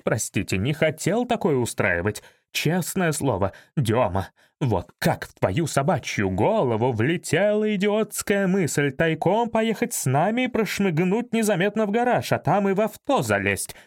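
A man's voice: on the high side, dry recording, clean studio sound. A man reading an audiobook, voicing a flustered young man who mutters apologies.

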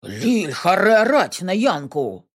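A woman's voice: fairly low pitch, very animated, slow, breathy edge, full character voice. A woman reading an audiobook, voicing a blunt young man who talks in slang.

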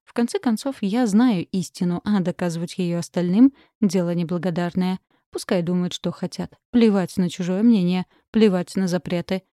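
A woman's voice: on the low side, moderate pace, few pauses, mellow, no room sound, studio quality. A woman narrating a first-person audiobook with heated, emotional reading.

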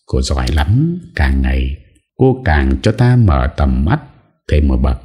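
A man's voice: a bass voice, sing-song, slow pace, warm tone, husky, full character voice. A man voicing a young lord who gives harsh, cold orders. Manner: harsh, commanding.

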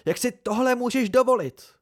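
A man reading a fierce young woman, proud and mocking, hisses and snaps, pitched up high, dry sound. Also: expressive, no room sound, close to an everyday voice. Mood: furious. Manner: sharp, mocking and hissing, voice raised high.

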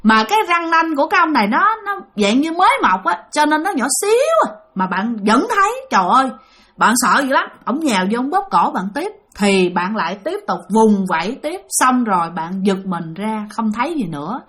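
A woman's voice: fairly high pitch, very animated, moderate pace, a bit bright. A woman with a Southern Vietnamese accent narrating a ghost story, chatty and talking straight to her listeners. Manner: chatty, addresses listeners directly.

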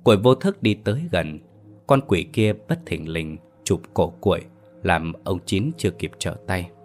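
A man narrating a horror story in a steady, dramatic way. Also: sits low, normal speed.

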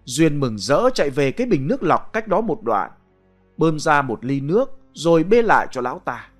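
A man narrating a ghost story aloud in a dramatic, expressive way. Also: fairly high pitch, normal speed, faint music behind.

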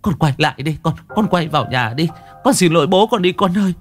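A man's voice: on the high side, lively intonation, fairly quick, voice pushed up. A man voicing a desperate old mother who begs tearfully, with faint music behind. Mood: tearful begging. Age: older. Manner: begging, tearful.

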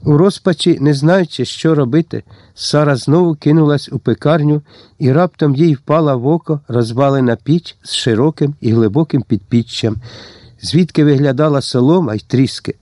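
A man narrating a story as an audiobook reader, steady and tense. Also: a little high, moderate pace, dry recording, studio quality. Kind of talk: scripted narration.

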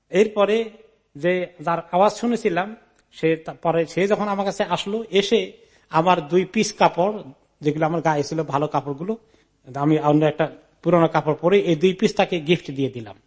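A man with a high voice delivers a Quran commentary lecture. He recites Arabic narration and explains each part. He retells the story in the first person and mixes English words into his speech. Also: normal speed, long pauses, a little mellow.

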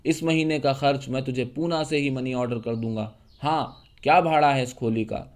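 A man reading the lines of a scornful, fiery young woman who mocks and cuts, rising to shouts. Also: mid-range voice, lightly acted. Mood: mocking. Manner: mocking, cutting, rising to shouts.

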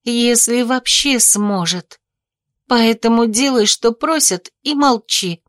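A woman's voice: a little high, slow pace, no echo, studio quality. A woman voicing a cold, commanding young healer.

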